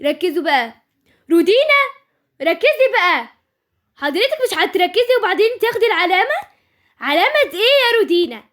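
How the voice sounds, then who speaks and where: A woman's voice: very high-pitched, sing-song, fairly quick, long pauses, fairly bright tone, full character voice. A woman voicing a stern schoolteacher who scolds the class. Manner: scolding, instructive.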